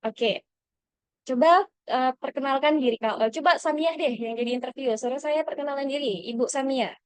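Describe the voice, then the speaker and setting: A woman's voice: sits high, normal speed, smooth, dry recording. A woman mentoring scholarship applicants in an online lesson, speaking encouragingly to the audience with frequent fillers and self-corrections.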